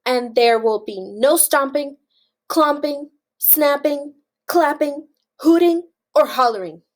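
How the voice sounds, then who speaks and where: A woman reading a storybook farmer, a bossy man who lays down rules in an emphatic, deliberate way. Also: high voice, voice pushed up. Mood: stern, emphatic. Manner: emphatic, deliberate rule-giving. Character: stern, bossy male farmer preparing animals for school. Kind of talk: storybook read-aloud.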